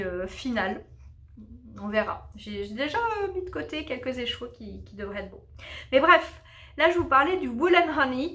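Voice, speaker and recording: A woman with a high, slightly bright voice chats casually. She runs a knitting podcast, teaches English too, and fills her talk with fillers and restarts.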